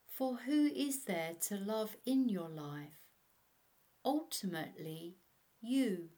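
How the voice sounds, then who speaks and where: A woman narrating a guided meditation as an instructor, in a measured way. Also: mid-range voice, expressive, mellow. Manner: slow, measured, instructional delivery.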